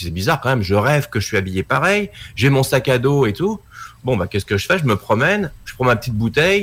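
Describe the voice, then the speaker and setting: A middle-aged man, a guest documentary maker, telling a story casually and acting out the voices of the people in it. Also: on the low side. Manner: animated storytelling, acts out quoted dialogue.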